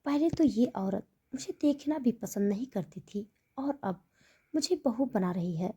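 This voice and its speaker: A woman voicing a frightened but defiant young woman who speaks softly and pleadingly. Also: fairly high pitch, animated, a little slow, slightly rough, heavily acted. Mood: anxious. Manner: soft and pleading, irritated.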